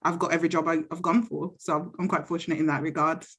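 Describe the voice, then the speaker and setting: A woman's voice: low-pitched, level tone, fast talker, fairly bright tone, slightly rough. A woman from Zambia, around thirty, answering interview questions in a chatty, self-assured and reflective way. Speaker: interviewee, university graduate.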